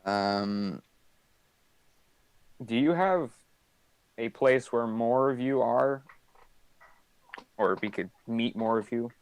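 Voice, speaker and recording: Here a man's smooth, mid-range voice carries his in-character lines in a tabletop game streamed live. His pace is slow and he pauses often, sounding hesitant, full of ums, with sentences that drift off.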